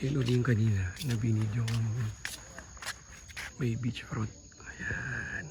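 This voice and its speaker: Slow, chatty man vlogging outdoors. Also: mid-range voice, fairly even intonation. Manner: chatty, talks straight to viewers as "guys", points things out as he goes. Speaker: travel vlogger. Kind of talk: casual travel vlog narration. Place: outdoors on a rural island, roads and a hilltop. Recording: outdoor noise with crickets and passing vehicles.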